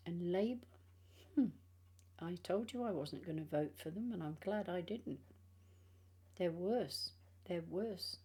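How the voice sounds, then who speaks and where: An older British woman, in her sixties or beyond, chatting casually and haltingly in a personal vlog, sounding tired, with speech affected by missing front teeth. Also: on the low side, warm tone, breathy edge. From England. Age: 60s or older. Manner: halting, rambling, trailing phrases.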